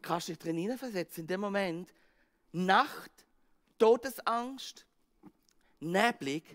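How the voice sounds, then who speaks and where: A male pastor with a Swiss German accent preaching a sermon, acting out the scene with sudden swings from loud outbursts to hushed words. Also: high voice, lively intonation, takes it slowly. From Switzerland. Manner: dramatic, acts out the disciples' panic and Jesus' words, swings from loud to hushed.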